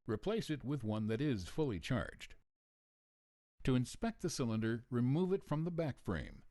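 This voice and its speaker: A man narrates an instructional training video from a script. His delivery is measured and procedural, with clear phrasing. His pitch moves a great deal across each sentence, and the recording is dry and close, with little room sound. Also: darkish tone, dry recording.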